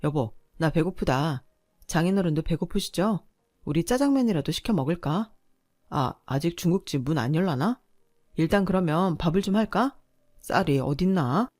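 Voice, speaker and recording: A woman's voice: lowish voice, animated, moderate pace, a little mellow, no room sound, studio quality. A woman voicing a nervous, evasive young husband in a radio drama who talks in a fussy, placating way.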